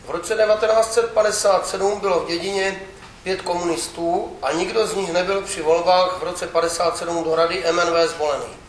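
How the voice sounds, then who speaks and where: A man reading a memoir aloud with steady, wry storytelling. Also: high-pitched. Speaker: reader. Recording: echoey room with faint background noise.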